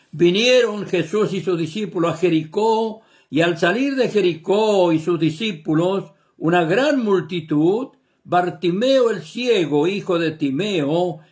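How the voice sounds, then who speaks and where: A man preaching a sermon in Argentine Spanish, reading a passage and retelling it with emphatic rises and drops. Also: sits high. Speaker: pastor.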